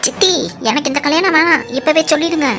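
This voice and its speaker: A woman's voice: sits high, fast, pitched above the performer's own voice, natural voice. A woman voicing an angry young groom in a cartoon, indignant and demanding. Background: background music.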